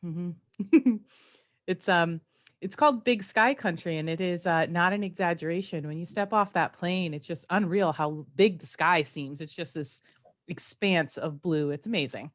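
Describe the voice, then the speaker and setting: A woman's voice: fairly low pitch, measured pace. A woman giving a friendly, enthusiastic conference presentation on a video call.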